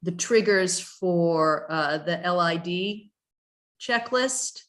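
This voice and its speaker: A woman's voice: lowish voice, slow pace, a bit bright. A woman on staff leading a town commission's review, reading regulation text aloud and thinking it through with hesitant fillers and restarts over a video call.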